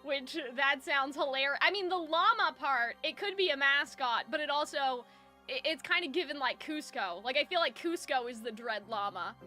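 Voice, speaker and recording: Speaking at normal speed, this female streamer chats informally with her viewers over soft background music, recorded close up in a soundproofed home room. Her voice is very high and bright, getting shriller with excitement, and her hosting is giggly, rambling and full of slang.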